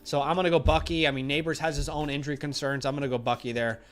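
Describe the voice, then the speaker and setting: A man in his young adult years hosts a casual fantasy football livestream. He rambles, gets animated and a bit exasperated, and is losing his voice. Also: on the high side, fast. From Australia. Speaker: fantasy football host answering live chat questions.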